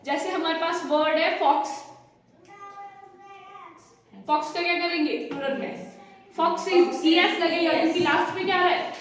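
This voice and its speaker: A woman teaching a spelling lesson to a class, slow and questioning, repeating the answers back. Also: very high-pitched. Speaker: English teacher. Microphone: far from the mic. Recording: very echoey room from far off.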